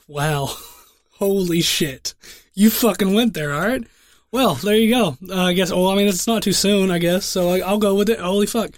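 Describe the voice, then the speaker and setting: A man's voice: high voice, normal speed, dry recording, clean studio sound. A young man co-hosting a podcast, telling a crude story in rambling, profane casual chat with lots of restarts. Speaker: podcast co-host.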